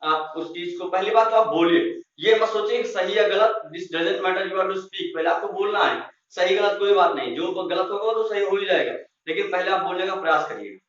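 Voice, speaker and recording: A male teacher with an Indian accent urges his viewers to just start speaking. His voice is fairly high. He is heard from far off in a very echoey room. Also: normal speed, hardly any pauses, fairly bright tone, muffled recording. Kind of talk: encouraging classroom talk.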